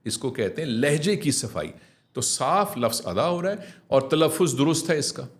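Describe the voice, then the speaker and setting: A middle-aged man, a communication trainer, coaching a host in clear speech in an animated, conversational way, often slowing down to demonstrate. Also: a little high. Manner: animated, mixing English phrases, demonstrating slow clear diction.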